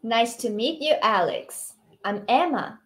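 A woman reads a polite female tourist's lines in a practice dialogue, slowly and clearly, with no change of voice. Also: fairly high pitch, animated, fairly bright tone. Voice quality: teacher's own voice, changes intonation only. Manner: slow, carefully articulated model reading.

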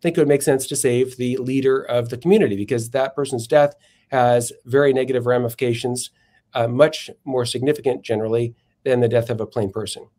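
A man in a podcast interview lays out philosophical arguments in a measured, step-by-step way, often stopping to correct himself mid-phrase. His voice sits at an ordinary middle pitch. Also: steady tone, warm tone. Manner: measured, methodical, frequent self-corrections. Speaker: philosophy professor guest.

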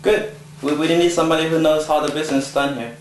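An actor playing a brisk, upbeat man who runs a cargo office, recorded in an echoey room with faint music. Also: on the high side, steady tone, a little hiss or hum, close to an everyday voice. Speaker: office boss. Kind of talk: low-budget film acting.

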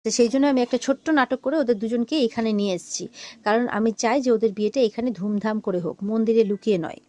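Fast-talking woman retelling stories. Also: fairly high pitch, mellow, no echo. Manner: retells scenes quoting characters, frequent fillers. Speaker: serial recap narrator. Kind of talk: casual storytelling recap.

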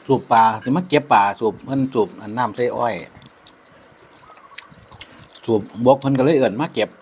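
A man's voice: mid-range voice, quick pace, darkish tone, a little hiss or hum. A man with an Isan accent chatting reflectively over a meal, using many polite particles. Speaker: vlogger. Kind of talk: casual chat over a meal.

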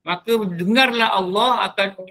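A man with a Malaysian Malay accent giving a religious lecture in a mosque. He drills pronunciation, slowly drawing out recited phrases and quizzing his listeners. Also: high voice, vocal fry, sharp tone, rough recording. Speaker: religious teacher.

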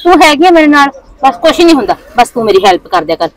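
A woman's voice: high-pitched, big pitch swings, fast, no echo. A young woman, playing a lovesick village college girl who pushes her friends for help. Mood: pleading. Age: young adult. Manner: pushy, pleading with her friends. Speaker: college student. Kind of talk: village family drama acting.

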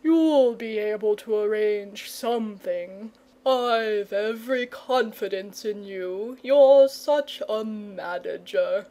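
A woman voicing a lazy, gentle old male dragon who drawls his words slowly and mildly. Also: medium pitch, natural voice. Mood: drawling. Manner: slow, drawling, mild.

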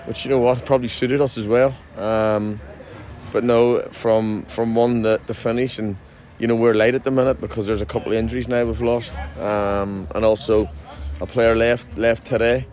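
A man's voice: medium pitch, level tone, normal speed, darkish tone. A man in his forties, a football manager, giving a chatty post-match interview outdoors at a ground at night, restarting sentences often. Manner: chatty, frequent restarts and fillers.

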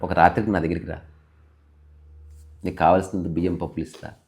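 A man voicing a sly, lustful shopkeeper who speaks in a low, coaxing way. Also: little pitch movement, fast, a little mellow, natural voice.

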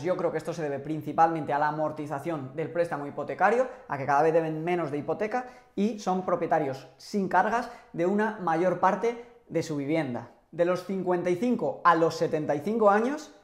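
Man explaining finances, roomy sound. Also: on the high side. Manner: animated hand gestures, measured explanatory delivery. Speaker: personal finance youtuber. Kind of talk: explanatory to-camera talk. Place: small home office room. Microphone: lapel mic.

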